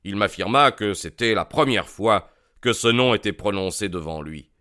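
A man's voice: lowish voice, animated, normal speed, pushed and bright. A man reading a bewildered, aggrieved client. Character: bewildered, aggrieved middle-aged male client. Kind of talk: audiobook character voice.

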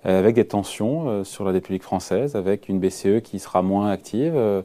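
A man interviewing an economics columnist, asking brisk, probing questions on public debt. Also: lowish voice, dark tone. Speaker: radio interviewer. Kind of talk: radio interview.

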